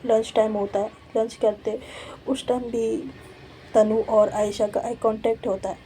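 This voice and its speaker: A woman's voice: fairly high pitch, level tone, unhurried, warm tone, slight background noise. A woman telling a love story in a chatty, casual way, often repeating herself and slipping in English fillers.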